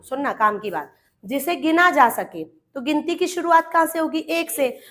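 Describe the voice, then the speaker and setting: A young Indian woman gives a grammar lesson for exam students, with a bright, high voice. She calls her listeners "beta" and talks them through each step. She keeps asking questions and answering them herself. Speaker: English grammar teacher. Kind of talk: exam-prep classroom lesson.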